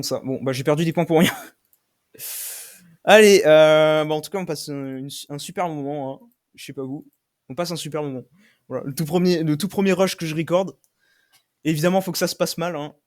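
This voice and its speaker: A young man commentating his own game play, swearing often and shouting when he loses. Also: fairly high pitch. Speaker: gaming streamer.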